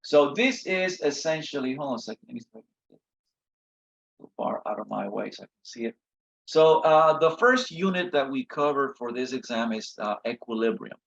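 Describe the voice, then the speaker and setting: A man with a tired, worn, husky voice gives an informal review lecture as an instructor, haltingly and often checking in with short tag questions. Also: mid-range voice, lively intonation, a bit bright. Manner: halting, frequent checking "okay?" and "right?". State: tired, voice a little shot. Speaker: chemistry instructor. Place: online video session from a computer. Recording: slightly dull lo-fi audio.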